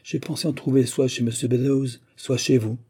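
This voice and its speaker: A man voicing a sly, grinning old sailor in an audiobook, speaking loud and brash. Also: medium pitch, steady tone, moderate pace, slightly rough, pitched above the performer's own voice, lightly acted. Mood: insolent.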